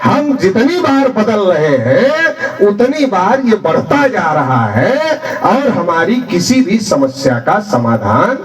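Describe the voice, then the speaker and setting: A man's voice: high voice, sing-song, takes it slowly, hardly any pauses, roomy sound, a crowd in the background. Emphatic male political speaker, distant. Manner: emphatic, storytelling with acted exchanges. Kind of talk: public political speech.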